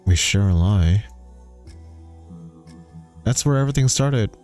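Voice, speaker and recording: A man reading the lines of a grieving ghost father who asks slow, probing questions. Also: fairly low pitch, lively intonation, darkish tone, soft background music. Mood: solemn, probing.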